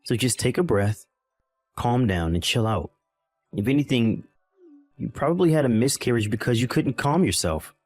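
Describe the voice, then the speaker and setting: A man's voice: mid-range voice, lively intonation, normal speed, darkish tone, faint music behind, lightly acted. A man voicing a dismissive, callous young husband in a text-message drama, irritated and belittling.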